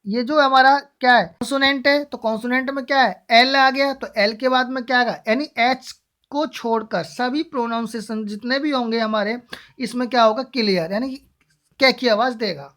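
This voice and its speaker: A woman's voice: fairly high pitch, moderate pace, fairly bright tone. A young adult woman teaching English pronunciation, spelling words letter by letter and asking and answering her own questions. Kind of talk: classroom-style lesson.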